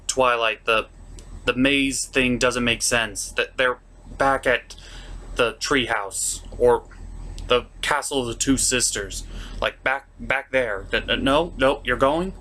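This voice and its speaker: His mid-range voice is bright and pushed, paced in a measured way. A cartoon reviewer and host, he gives scripted but casual review commentary with theatrical emphasis, against noticeable background noise.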